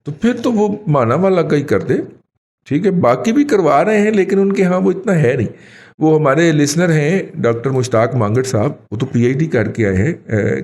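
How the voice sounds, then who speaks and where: A man with a Pakistani Urdu accent, co-hosting a talk show and giving rambling, animated commentary. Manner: animated, rambling, pitch jumps when emphatic. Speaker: co-host, elder commentator.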